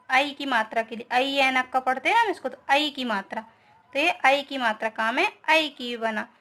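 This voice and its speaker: A woman's voice: high voice, fairly bright tone. A young woman teaching a grammar lesson, explaining step by step and often checking with her students.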